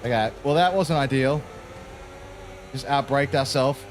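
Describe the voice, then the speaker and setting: A man's voice: mid-range voice, unhurried. An Australian man giving casual, jokey gameplay commentary while racing, peppering his talk with "mate". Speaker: gaming channel host.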